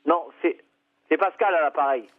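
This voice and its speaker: A man's voice: fairly high pitch, normal speed. A man answering the phone at a hair salon, curt and exasperated. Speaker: hairdresser's husband answering the phone. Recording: tinny phone line.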